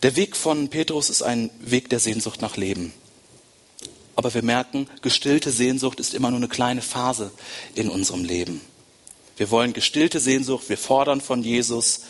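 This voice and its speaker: Husky German preacher giving a sermon. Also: male voice, medium pitch, normal speed. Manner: addresses the congregation directly, repeats phrases for emphasis. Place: church service.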